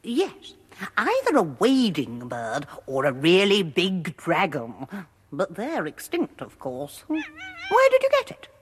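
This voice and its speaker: A woman's voice: lowish voice, wildly swooping pitch, takes it slowly, breathy edge, heavily acted. An actress playing a jolly, posh upper-class lady who breeds dragons, in radio drama style. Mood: lecturing.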